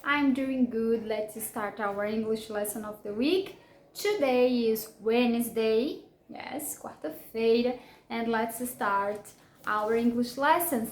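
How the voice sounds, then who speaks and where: A Brazilian woman teaches English in a bilingual lesson, stretching each word slowly for her class to repeat. Her voice sits a little high and talks slowly. The room rings with echo over a faint background hiss. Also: darkish tone. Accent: Brazilian Portuguese. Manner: slow, drawn-out model pronunciation of English words.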